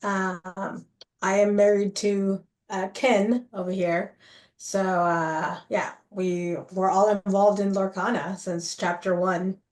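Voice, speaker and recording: A woman's voice: mid-range voice, level tone, takes it slowly, a little mellow. A woman guest chatting casually over a choppy, distant-sounding bad connection on a video call. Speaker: interview guest. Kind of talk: casual chat.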